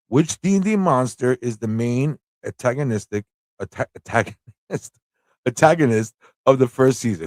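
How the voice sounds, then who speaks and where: An American man hosts a livestream trivia quiz in a casual, conversational way, reading the questions aloud and repeating them while chatting with viewers. His medium-pitched voice is a little mellow, and the sound is close and dry with no echo.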